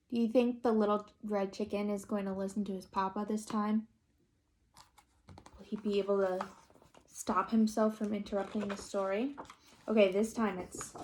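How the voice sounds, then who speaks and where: Reading a picture book aloud, a medium-pitched woman performs expressively and asks the children questions as asides. There is slight background noise.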